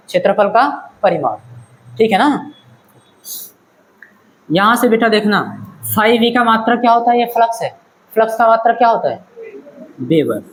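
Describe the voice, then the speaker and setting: A man's voice: high voice, low-quality recording. A man teaching a physics class in a classroom-lecture style, asking questions and checking that the students follow. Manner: questioning, checks understanding, calls students "beta".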